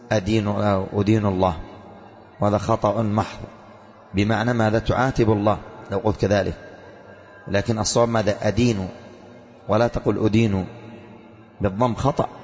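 A man teaching a religious creed text to students, reading passages slowly and then explaining them, asking rhetorical questions and answering them himself. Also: fairly low pitch, darkish tone. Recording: lo-fi with long reverb in a hall.

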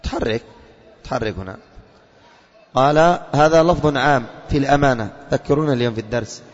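During a classroom lesson, a male religious teacher questions his students and restates their replies in a brisk, medium-pitched voice. Long reverb and dull lo-fi sound color the recording.

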